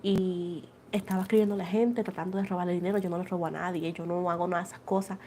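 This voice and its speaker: A Puerto Rican woman with a matching accent hosts a casual tarot livestream, reading viewer comments and switching between Spanish and English. Her lowish voice is flat, very fast and dark in tone. There's slight background noise.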